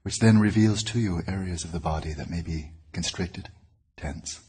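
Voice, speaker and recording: Low, dark and husky, a man's voice leads a guided meditation, each phrase deliberate and separated by pauses, as a teacher would.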